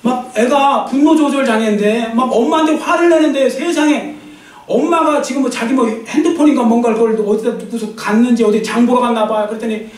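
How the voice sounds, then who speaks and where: A male pastor with a fairly high voice delivers a sermon in a relaxed, talky manner. He often acts out small everyday conversations as he preaches. The sound comes from a distant mic in a strongly echoing church hall. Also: a little fast. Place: church sanctuary.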